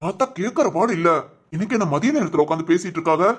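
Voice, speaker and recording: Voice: medium pitch, animated, rapid-fire, husky. An actor playing a young village husband, weary and reproachful toward his grandmother. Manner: weary, then pleading reproach. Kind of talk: village drama acting.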